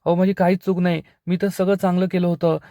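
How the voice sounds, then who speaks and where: A flustered young daughter protests defensively to her father, voiced by a man recapping a serial. The delivery is hurried and slightly high, with a mellow tone. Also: flat delivery, no echo, studio quality.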